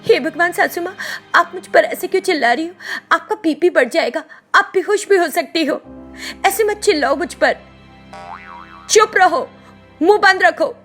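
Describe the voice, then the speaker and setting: A woman's voice: extremely high pitch, moderate pace, a bit bright, faint music behind, voice pushed up. A woman doing a cheeky young daughter-in-law. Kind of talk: storybook cartoon voice acting.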